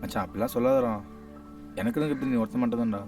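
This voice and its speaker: A man's voice: mid-range voice, quick pace, natural voice. A man acting a lovesick young man who pleads sorrowfully, in a film scene. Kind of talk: film dialogue. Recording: distant film sound with music.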